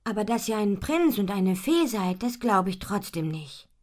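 A woman voicing a shy, doubtful farm girl in a children's audio story, a bit higher than her own voice. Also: very animated, moderate pace, close to an everyday voice. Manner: skeptical and hesitant.

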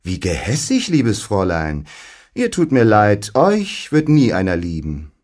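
A man's voice: lowish voice, huge pitch swings, measured pace, a little mellow. A man doing a scornful proud young nobleman. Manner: scornful, overbearing.

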